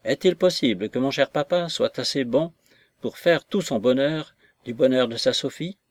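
A tender young daughter who begs her father with rising emotion, as a male reader voices her. The voice sits a little above his usual pitch. The sound is dry and close to the mic. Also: normal speed, dry recording, lightly acted. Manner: imploring and emotional.

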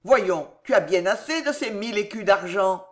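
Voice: mid-range voice, lively intonation, normal speed, fairly bright tone, natural voice. A reader voicing a menacing old miser in a French storybook, growling and scornful. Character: miserly old man, menacing, bony-fingered.

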